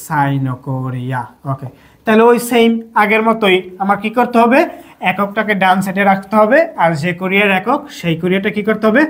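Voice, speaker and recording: A man's voice: sits high, fairly even intonation, a little fast, fairly bright tone. A young man with a Bangladeshi Bengali accent teaching a lesson, asking questions and answering them himself in a call-and-response style. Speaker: language teacher.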